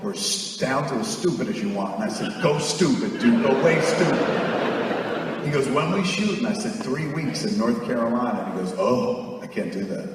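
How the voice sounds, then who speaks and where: Recorded live in a reverberant hall, this profane storyteller in his 40s performs for a theater audience at a moderate pace. His mid-range voice carries slight background noise and sits far from the microphone, and he animatedly does the voices of the characters he quotes.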